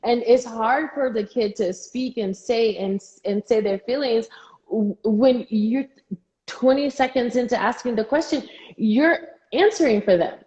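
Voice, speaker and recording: A woman's voice: on the high side, measured pace, a little mellow, muffled recording. Emphatic woman co-host, echoey room. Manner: emphatic, opinionated, acts out quoted voices. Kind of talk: casual chat.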